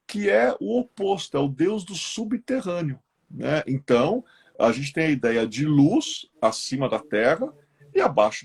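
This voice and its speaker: Lively, gravelly Brazilian man explaining. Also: a little high. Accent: Brazilian Portuguese. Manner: lively explainer who acts out myths in quoted voices, with frequent tag questions. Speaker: esoteric teacher co-hosting a live stream. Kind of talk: storytelling lecture in a live chat.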